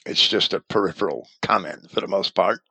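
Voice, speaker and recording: A man giving a measured, deliberate lecture on scripture and language, now and then pausing to correct himself. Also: low voice, creaky, sharp tone, slightly rough, no echo, rough recording.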